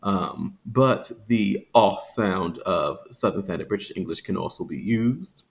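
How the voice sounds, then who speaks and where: A man teaching a phonetics lesson, explaining with fillers and stretching out example words slowly. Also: sits low, creaky. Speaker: accent teacher.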